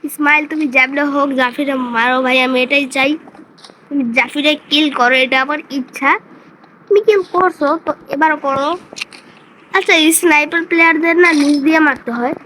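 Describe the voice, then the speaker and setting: A woman giving chatty, excitable gameplay commentary and talking to her viewers. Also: high voice, fairly quick. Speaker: gaming streamer. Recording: noisy background hiss.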